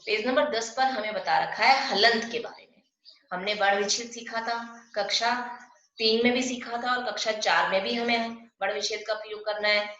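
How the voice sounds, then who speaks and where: A woman teaching an online Hindi class to young pupils. She explains step by step, asks questions and answers them herself, and slows down to stress the sounds of example words. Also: on the high side, steady tone, a bit bright. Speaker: primary school Hindi teacher. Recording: echoey, dull lo-fi room sound.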